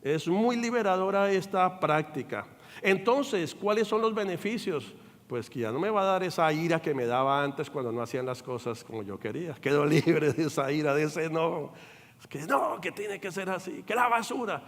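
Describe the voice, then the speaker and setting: An older man preaching in a church sanctuary, his voice sitting a little high for a man. He speaks with animated delivery and breaks into quoted voices. A long reverb rings through the big room around him. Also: normal speed. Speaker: pastor. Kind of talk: sermon.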